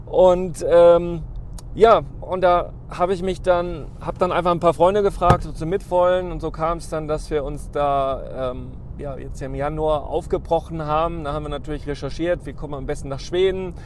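Driving through snowy woods, a vlog host talks at normal speed in a steady, fairly high-pitched voice. He rambles casually with plenty of ums and false starts, picked up by a dashboard-mounted camera over faint car noise.

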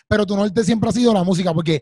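A man's voice: high-pitched, quick pace, a little mellow, no echo. A man, hosting an interview in an eager, affirming way, repeating his words. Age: 30s. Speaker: host. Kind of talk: casual interview chat. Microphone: studio mic with headphones.

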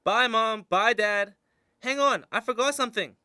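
A woman's voice: fairly high pitch, extremely slow, no echo, studio quality, full character voice. A woman voicing a young schoolboy asking his mother for help, in a recorded English learning dialogue. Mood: pleading. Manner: bright, pleading child voice. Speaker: native speaker reading a dialogue.

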